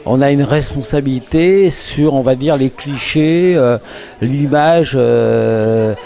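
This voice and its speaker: Halting male interviewer with a mellow voice. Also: medium pitch, gravelly. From France. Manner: halting, searching for words. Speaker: journalist interviewer. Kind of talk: conversational interview.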